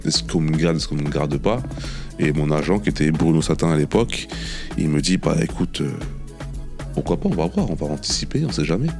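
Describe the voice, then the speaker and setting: Deep-voiced man telling football stories. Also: fairly quick, over music. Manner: animated anecdotes with many repetitions and "tu vois". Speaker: former professional footballer, guest. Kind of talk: casual storytelling interview.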